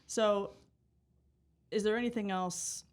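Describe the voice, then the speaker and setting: A woman's voice: mid-range voice, steady tone, slow pace. A woman hosting a casual podcast interview, chatty and encouraging, with frequent agreement and laughter. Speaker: podcast host.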